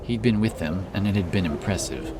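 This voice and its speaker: A man with a deep voice narrates a dramatic fantasy audiobook, speaking animatedly and a little fast. Clear background ambience sits under his voice, along with some background noise.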